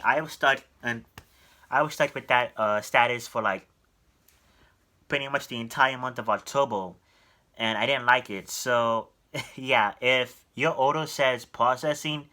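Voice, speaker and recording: Bright-voiced young man rambling earnestly. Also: medium pitch. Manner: rambling, lots of ums and restarts, earnest. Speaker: YouTuber giving collector advice. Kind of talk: casual talking-head vlog.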